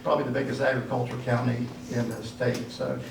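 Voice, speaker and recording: An older man campaigning for office speaks at a dinner in a church hall, his folksy remarks wandering and laced with fillers. The echoey recording is from a distance and has background noise; his medium-pitched voice is steady, fairly quick and carries vocal fry.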